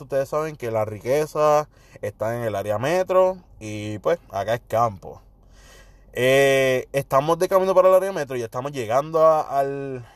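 A young Puerto Rican man casually telling personal stories, animated, slipping English slang into his Spanish and acting out what people said. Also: mid-range voice, no room sound. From Puerto Rico. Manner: animated, mixes English slang, acts out quotes. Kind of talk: casual storytelling monologue.

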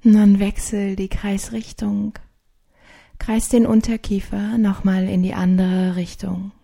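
Soft breathy lady doing sleep meditation narration, super mellow, half whispered, really slow w long pauses. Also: medium pitch, flat delivery. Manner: soothing, hushed, partly whispered delivery with long pauses.

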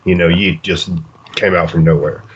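A man's voice: low-pitched, fairly even intonation, normal speed. A man in a casual podcast chat, giving his opinions in an easygoing, confident way. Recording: dull lo-fi audio with faint noise.

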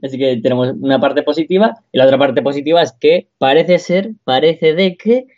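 Playful young co-host, dull mic. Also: male voice, a little high, a little fast, darkish tone, no room sound. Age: young adult. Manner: playful, teasing. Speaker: podcast co-host. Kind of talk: casual podcast chat. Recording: dry, muffled lo-fi mic.

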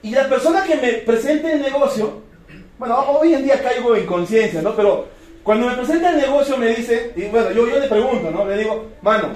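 A man with a Peruvian accent giving an energetic motivational sales talk, firing rhetorical questions and repeating key words. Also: very high voice, a little fast, slight background noise. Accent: Peruvian Spanish. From Peru. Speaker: business presenter. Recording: echoey room, distant mic.

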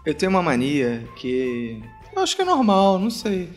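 A man's voice: on the high side, wildly swooping pitch, moderate pace, music in the background. A man with a Brazilian Portuguese accent, telling his habits in a hesitant, rambling way. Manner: hesitant, rambling with many restarts. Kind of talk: casual group chat.

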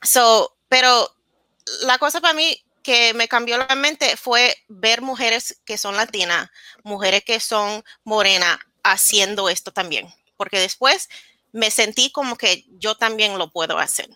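In a casual interview, a woman in her thirties from New Jersey, United States, speaks candidly about her story as the guest, shifting into English words partway through sentences. Her slightly high voice keeps a measured pace and has a bright, forceful tone, with no room sound.

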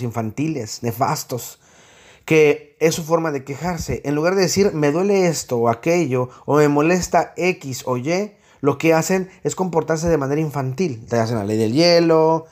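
A man with a Mexican accent, a psychologist giving a blunt, sardonic spoken monologue. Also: fairly high pitch.

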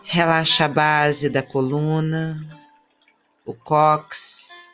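Meditation guide: woman, low pitch, soothing, extremely slow delivery with long pauses between brief instructions. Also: level tone, a bit bright, smooth, faint music behind. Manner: soothing, unhurried short phrases with long pauses. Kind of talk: guided body-scan meditation.

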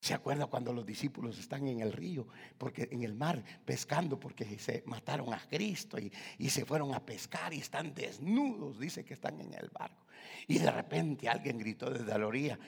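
A man from Guatemala with a Guatemalan Spanish accent, preaching a fervent sermon in a church. He swings from shouted calls to hushed whispers and keeps addressing his listeners as brother. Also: mid-range voice, expressive, normal speed, creaky, few pauses, slightly rough. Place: church hall. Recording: long reverb of a large hall.

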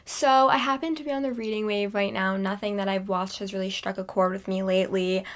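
Woman, inside a closet, mid-pitched voice, relaxed chatty podcast talk. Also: brisk. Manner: chatty, relaxed, heavy use of "like". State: overheated. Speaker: podcast co-host. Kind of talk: casual chat. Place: inside a small hot closet.

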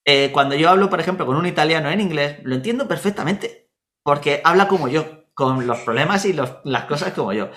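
A man's voice: fairly high pitch, brisk. A man from Murcia with a Spanish accent, telling personal stories in a casual chat and acting out the dialogue. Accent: Spanish from Spain. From Spain, Murcia. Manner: animated anecdotes, acts out dialogue.

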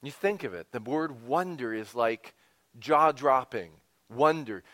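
A pastor delivers a sermon with expressive emphasis, sinking to a whisper and then rising for key points, and tosses conversational asides to the congregation. He speaks at a medium pitch and an unhurried pace.

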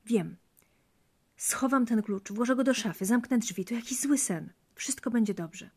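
A woman's voice: mid-range voice, fairly quick, gravelly, warm tone, slightly rough. A woman voicing a frightened young wife who stammers and pleads for her life, in a spoken fairy tale. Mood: anxious.

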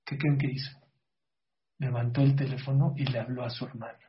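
A man's voice: medium pitch, flat delivery, brisk, slight background noise. A middle-aged man tells a moral story as a religious speaker, earnestly questioning his audience. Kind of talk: storytelling sermon. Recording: slightly muffled lo-fi audio.

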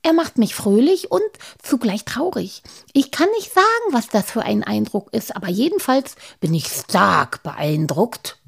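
A woman's voice: medium pitch, very animated, a little slow, gravelly, hardly any pauses, husky, pitched above the performer's own voice, exaggerated voice. A woman voicing a dreamy, sentimental male gnome in a storybook reading, speaking in rising, gushing phrases. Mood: musing.

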